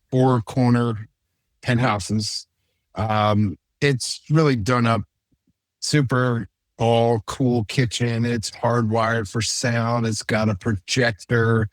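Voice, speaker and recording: A man's voice: mid-range voice, no room sound. A man hosting a real estate show, chatting casually in a rambling, joking way with many asides. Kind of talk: casual on-camera chat.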